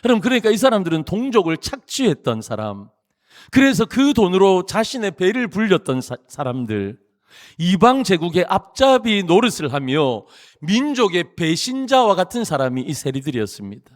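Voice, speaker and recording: A middle-aged pastor from Busan, South Korea, preaches a sermon in a church sanctuary, animated and jokey, with emphatic rising phrases. His voice is high-pitched and moderately paced, and the large hall gives it a long reverb.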